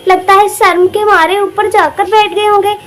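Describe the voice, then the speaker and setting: A woman's voice: very high-pitched, steady tone. Woman as a bustling, fussing housewife. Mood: worried. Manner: talks to herself in quick running commentary. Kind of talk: homemade doll drama voice acting.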